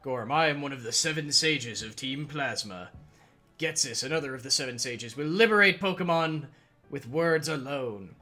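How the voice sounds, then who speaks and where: A man voicing a solemn older male villain sage from a video game, speaking in slow, grandiose pronouncements. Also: medium pitch, sharp tone, faint music behind, natural voice.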